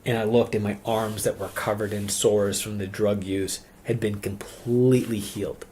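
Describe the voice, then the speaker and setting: A man telling his personal conversion testimony in an earnest, halting way, repeating phrases and often saying "like". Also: lowish voice, flat delivery, dark tone, a little hiss or hum. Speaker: speaker giving a religious testimony.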